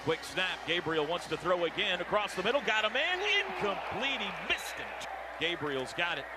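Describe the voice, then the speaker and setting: Calling the action live for radio, an American football play-by-play man speaks in clipped bursts that become urgent on big plays. He sits high in pitch with big swings, keeping a moderate pace while a loud stadium crowd roars amid heavy noise.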